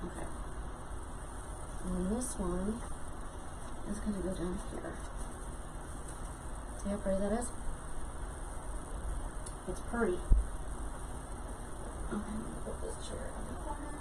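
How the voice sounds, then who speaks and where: A woman's voice: mid-range voice, unhurried, long pauses. A middle-aged woman hosting a casual live craft tutorial, talking in short bits as she works at a table in a small indoor room. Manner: talks in short bits while working with her hands. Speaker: craft livestream host. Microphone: camera across a worktable. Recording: noisy home craft room. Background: clear background noise.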